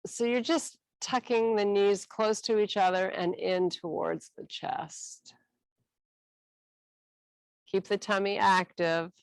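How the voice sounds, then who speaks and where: A woman guides a stretching class, talking students through each position with calm, encouraging cues. Her delivery is slow and unhurried, with a gravelly texture to her voice. The sound is dry and close. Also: medium pitch, no room sound, rough recording.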